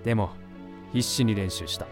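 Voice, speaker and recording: A young man performs a Japanese voice drama with narration, cast as a self-deprecating, lovesick, awkward university student. His fairly low, natural voice moves at a moderate pace over music, wistful and earnest, hesitant but blunt.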